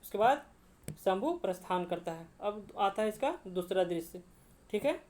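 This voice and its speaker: A woman's voice: medium pitch, lively intonation, moderate pace, a little mellow. A woman teacher with a Jharkhand accent explains a play scene by scene for exam students, repeating and translating each line and checking in often.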